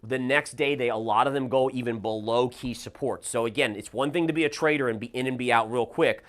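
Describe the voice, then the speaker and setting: A man hosting a trading show walks through stock charts in brisk, live commentary. He thinks out loud and reacts as he reads the numbers, at an ordinary mid pitch. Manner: brisk, reacts aloud while reading charts. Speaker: market analyst host.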